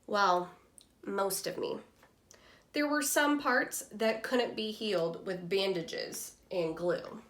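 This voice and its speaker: A woman's voice: mid-range voice, slight background noise, natural voice. A woman voicing an earnest, timid but persevering storybook egg, telling his own story expressively. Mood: anxious, sad. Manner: slow, expressive first-person storybook telling.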